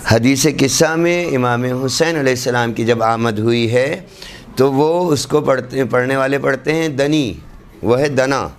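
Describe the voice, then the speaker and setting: Speaking at medium pitch, a man leads a classroom Quran recitation lesson. He models the letter sounds at a slow pace and says them repeatedly so the students can follow.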